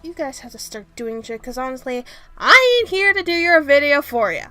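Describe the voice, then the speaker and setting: A woman with a very high, bright voice that swings up and down as she rants. She sounds exasperated and sarcastic and swears freely as she picks apart an argument, with faint music underneath. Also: sing-song, moderate pace, dry recording. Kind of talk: commentary rebuttal.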